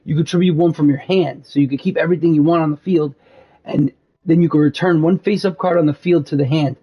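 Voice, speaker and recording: A man's voice: a little high, steady tone, fast, husky, muffled recording. A man hosting a card game channel, talking casually through gameplay in a rambling way full of fillers, tired and losing his voice.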